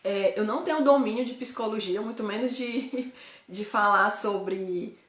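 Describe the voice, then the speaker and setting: A woman's voice: medium pitch, a little slow, fairly bright tone, echoey room. A woman from Ceará, Brazil, with a Northeastern Brazilian accent, talking casually to viewers as a host, often tagging her sentences with questions and correcting herself as she goes. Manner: chatty, frequent tag questions, self-correcting. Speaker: host, guide living abroad. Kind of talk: casual live chat to viewers.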